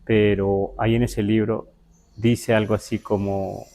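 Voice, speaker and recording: A man from the Huasteca region of Mexico teaching a live online Nahuatl class, explaining words slowly with many fillers and check-in questions. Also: lowish voice, level tone, vocal fry, mellow. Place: Mexico City.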